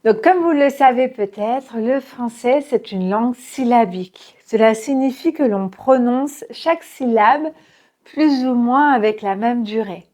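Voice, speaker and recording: A woman teaching pronunciation, speaking very clearly and modelling sentences slowly, syllable by syllable, for learners to repeat. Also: fairly high pitch, lively intonation, darkish tone. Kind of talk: slow, clearly articulated pronunciation lesson.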